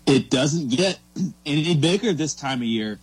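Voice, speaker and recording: A man's voice: on the high side, expressive, unhurried, slightly rough, dry recording, faint music behind. A man talking sports casually as a show sidekick.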